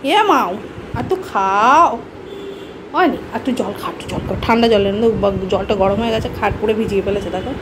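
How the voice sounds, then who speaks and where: A woman's voice: fairly quick, noisy background. A woman filming at home, chattering to her dog in repetitive baby talk. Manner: high sing-song baby talk, repeating words. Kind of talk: casual home video talking to a pet. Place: home indoors.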